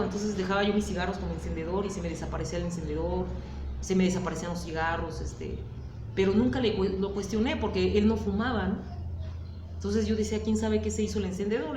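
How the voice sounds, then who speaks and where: A woman's voice: medium pitch, dark tone, roomy sound, a little hiss or hum. A woman with a Mexican Spanish accent, speaking candidly and hesitantly in a personal testimony interview, with many fillers and tag questions.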